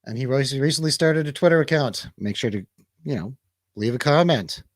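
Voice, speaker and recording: A man hosts a casual movie review radio show, speaking at normal speed in an expressive mid-range voice. The sound is clean studio audio with no room reverb.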